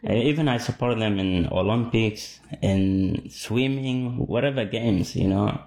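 A man's voice: lowish voice, unhurried, a little mellow. A man from Iraq whose first language is Arabic, answering interview questions at home in short, casual replies full of fillers. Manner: short answers, many fillers, laughs easily. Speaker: interviewee, football fan. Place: his home.

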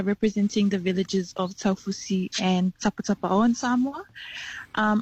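A young woman, speaking as a radio guest. She explains earnestly and at length, with fillers along the way, at a mid pitch for a woman. The sound is close and dry. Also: a little mellow, breathy edge, no room sound, poor audio. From New Zealand, raised in Western Sydney. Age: young adult. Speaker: community program manager, guest. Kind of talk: radio interview.

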